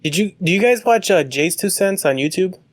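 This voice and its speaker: A man's voice: sits high, expressive, brisk, no echo. A man co-hosting a gaming podcast, giggly and poking fun at himself. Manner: giggly, self-mocking. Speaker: podcast co-host. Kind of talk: casual chat.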